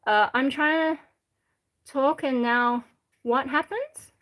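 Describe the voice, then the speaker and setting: A woman's voice: high voice, slow pace, a bit bright. An Australian woman chatting casually on a livestream, reading out viewer questions in a blunt, irreverent, rambling way. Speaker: live streamer.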